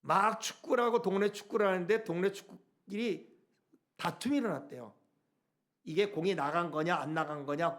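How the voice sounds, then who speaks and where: Man, pastor, church sermon, reads scripture aloud, high voice. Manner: preaching with rhetorical questions, reading scripture aloud. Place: church sanctuary.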